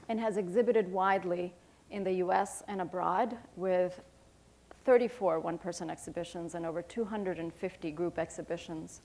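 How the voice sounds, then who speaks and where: A woman moderating a panel reads formal introductions at a mid-range pitch. Her delivery is steady and measured, with only the occasional filler word. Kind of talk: reading artist introductions.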